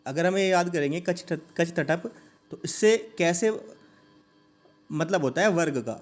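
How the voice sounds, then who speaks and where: A man teaching a grammar lesson, saying each sound slowly and asking listeners to repeat it. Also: on the high side, soft background music.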